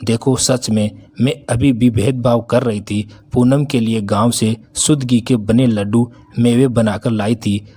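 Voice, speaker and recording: A man's voice: mid-range voice, steady tone, a little slow, few pauses, dark tone, husky. A man voicing a stern middle-aged mother-in-law who scolds and commands in a storybook reading. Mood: caring.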